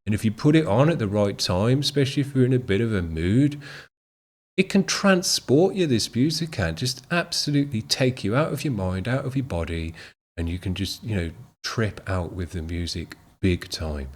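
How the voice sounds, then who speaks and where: A man in his late thirties talks casually to his channel's viewers, rambling with plenty of fillers and restarts. He sounds enthusiastic and heartfelt, and his voice sits slightly low. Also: expressive, normal speed. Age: 30s. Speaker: music channel host. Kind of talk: casual chat.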